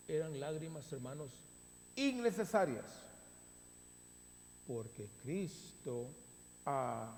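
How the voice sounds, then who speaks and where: A man preaching a sermon as pastor, stressing words with long dramatic pauses, recorded in a church sanctuary. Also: mid-range voice, darkish tone. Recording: reverberant hall, faint hum.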